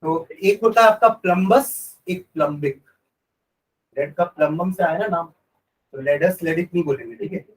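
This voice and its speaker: A male science teacher giving a classroom lecture, dictating notes slowly and repeating phrases, mixing Hindi and English. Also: a little high, poor audio.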